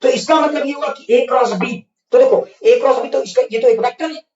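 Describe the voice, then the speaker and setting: A man's voice: extremely high pitch, brisk, a little mellow. Guy teaching physics online, keeps asking did you get it, teases students, dull roomy sound. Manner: coaxing, keeps asking students if they follow; playfully scolds students. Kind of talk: online class lecture. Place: online class. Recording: echoey, distant, dull mic.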